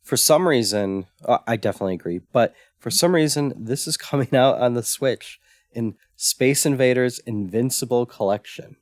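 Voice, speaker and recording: Casual talk fills this retro gaming podcast, where a relaxed male co-host sometimes stumbles as he speaks. He has a medium pitch and moderate pace. The dry recording has clean studio sound.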